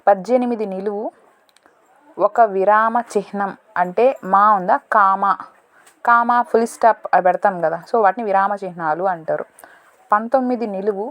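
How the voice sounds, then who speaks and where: A woman solving a word puzzle in a casual lesson, thinking aloud, slow and deliberate, correcting herself as she goes. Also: medium pitch. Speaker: teacher solving a crossword.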